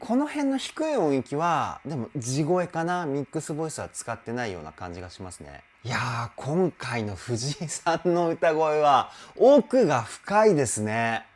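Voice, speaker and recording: A man working as a vocal trainer, analyzing a singer's live performance in an animated way, exclaiming and breaking off to sing short demos. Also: on the high side, moderate pace, few pauses. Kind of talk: song analysis commentary.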